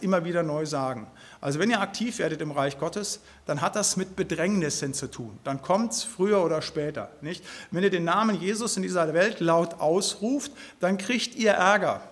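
High-voiced man teaching the Bible. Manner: speaks in a loose spoken style, tags sentences with "halt, nicht?"; earnest, emphatic. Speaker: preacher.

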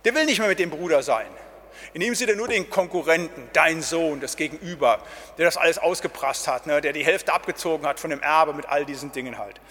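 Pastor with a raised voice in a reverberant hall. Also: male voice, on the high side, quick pace, fairly bright tone, breathy edge. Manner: casual, with tag questions "ne?" and "halt". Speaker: pastor teaching a Bible study. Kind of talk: spoken Bible study talk.

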